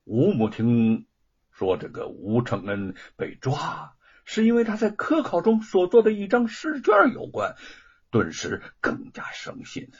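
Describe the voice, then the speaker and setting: A man narrating a novel as an expressive storyteller. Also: measured pace, slightly rough. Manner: expressive storytelling with swooping pitch. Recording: dull lo-fi recording.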